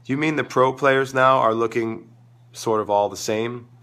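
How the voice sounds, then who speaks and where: This tennis coach runs a live online show, answering viewers with informal, emphatic opinions. His medium-pitched voice has a fairly bright tone and normal speed, but it is crackly and gravelly because his sore throat is making him lose it.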